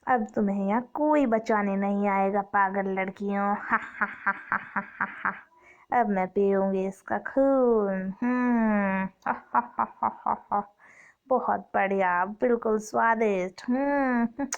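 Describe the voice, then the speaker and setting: A woman's voice: mid-range voice, extremely slow, highs cut off. A woman voicing a bloodthirsty witch who eats children, gloating with a cackling menace in a doll story. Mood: cruel glee. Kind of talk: doll story play-acting.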